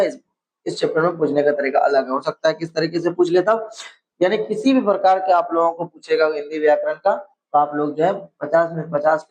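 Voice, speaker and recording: A man with a somewhat high voice leads a casual exam-prep grammar lesson. He asks each question, then repeats the answer back to his students to make it stick. The recording sounds a little dull and lo-fi. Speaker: teacher.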